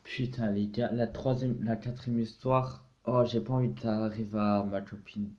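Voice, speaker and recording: Brief: reaction host, man, low mellow voice, stammering and hesitant, dull lo-fi mic. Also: flat delivery, moderate pace, soft background music. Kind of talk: casual reaction. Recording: dull lo-fi sound.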